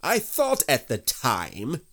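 A man's voice: mid-range voice, huge pitch swings, slow pace, fairly bright tone, pitched above the performer's own voice, exaggerated voice. A man voicing a fussy, stern storybook rabbit who speaks in a proper, politely pointed way.

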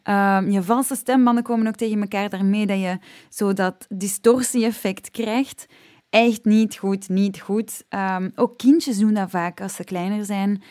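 A woman's voice: mid-range voice, fairly even intonation, a little slow, a little mellow, dry recording, studio quality. A woman with a Flemish accent, a singing teacher chatting casually about vocal health, with frequent filler sounds. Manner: chatty, frequent "ehm" fillers, laughs at herself.

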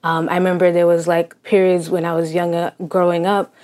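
Her voice sits on the low side with little pitch movement, a slightly quick pace and a darkish tone. She's a young woman from Cambridge, Massachusetts, a native Haitian Creole speaker, chatting reflectively as an interview guest and often using fillers.

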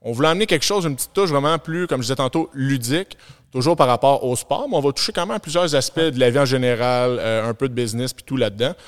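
A man with a Québécois French accent co-hosts a podcast. His voice is smooth and resonant at a middle pitch, and he explains with steady enthusiasm. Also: fast talker. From Quebec. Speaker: podcast co-host, gym owner. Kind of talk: casual chat.

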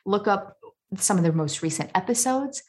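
A woman guest on a podcast, giving advice in an energetic, emphatic coaching way. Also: mid-range voice, moderate pace. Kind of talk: conversational interview.

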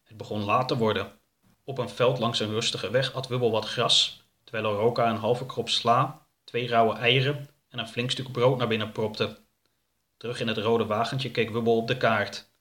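A man reading a children's story aloud in a calm, even storytelling manner. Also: medium pitch, moderate pace. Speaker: narrator. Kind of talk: storybook narration.

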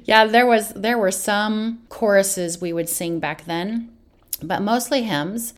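A woman in her late fifties, hosting a podcast and telling her personal faith testimony in an earnest, emphatic way. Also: medium pitch. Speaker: podcast host.

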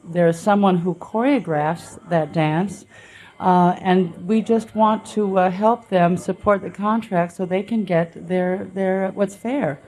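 A woman's voice: fairly low pitch, steady tone, slow, darkish tone, low-quality recording. A woman guest on a radio talk show, speaking casually with many fillers as she explains a cause. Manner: chatty, with frequent um and uh fillers. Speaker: guest dancer.

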